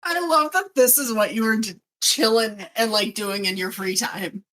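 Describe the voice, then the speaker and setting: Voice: mid-range voice, moderate pace, bright, forceful tone. A young adult podcast co-host trading playful, joking banter in casual chat.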